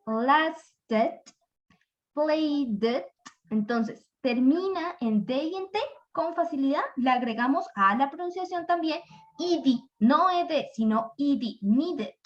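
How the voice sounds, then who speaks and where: Slow, patient woman teacher, lo-fi. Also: sits high. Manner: slow, patient, demonstrates sounds aloud. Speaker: English teacher. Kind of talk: classroom explanation. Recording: dull lo-fi recording.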